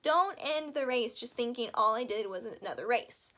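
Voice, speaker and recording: A woman's voice: fairly high pitch, lively intonation, moderate pace, bright, forceful tone. A young woman hosting a casual advice vlog, chatty and enthusiastic, rambling into asides, her voice a bit worn as she says she is losing it. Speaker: vlog host.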